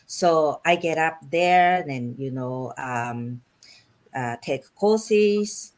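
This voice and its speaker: Slow, earnest, low-voiced woman from Japan. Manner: earnest, slow, halting, laughs often. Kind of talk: casual group video chat.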